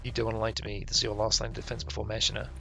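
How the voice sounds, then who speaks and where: With a lowish, monotone voice, sharp in tone and full of vocal fry, a man speaks rapid-fire as he live-streams a game. He reads out its text with game music behind him, peppering it with casual, sweary, offhand comments.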